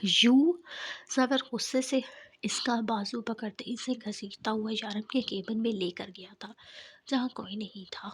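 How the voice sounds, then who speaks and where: A woman narrating a romance novel in a soft, whispered reading. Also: mid-range voice, fairly even intonation, husky.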